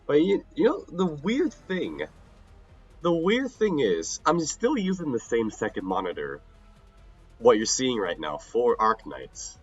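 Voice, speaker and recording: Speaking at an unhurried pace, a young man livestreams his gameplay with a husky, medium-pitched voice whose pitch swoops wildly. He's a bit sick and weary, slightly nasal, and keeps rambling, cutting himself off and laughing, over dull audio and soft background music.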